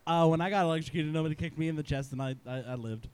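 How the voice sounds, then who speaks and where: A man with a fairly high voice talks fast in casual podcast chat. He delivers short, dry quips. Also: darkish tone, clean tone.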